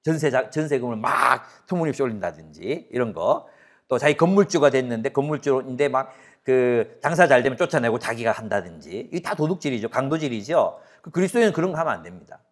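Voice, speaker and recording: A pastor in his forties preaches a sermon in a mid-range voice, talking fast and animatedly. He asks the audience questions and acts out everyday quarrels.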